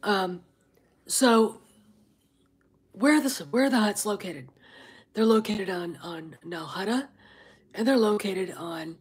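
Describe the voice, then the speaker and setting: Taking her time with long pauses, a livestream host speaks in a mid-range, very husky voice that often sinks to almost a whisper. She's a bit congested and rambles casually with lots of fillers, stopping to greet viewers in chat.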